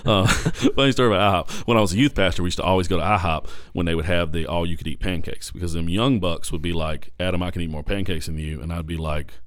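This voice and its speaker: Deep-voiced pastor telling a candid story. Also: male voice, quick pace, few pauses, no room sound, studio quality. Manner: candid, animated storyteller who repeats phrases for emphasis. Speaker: pastor and podcast host. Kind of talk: casual podcast storytelling. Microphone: podcast microphone.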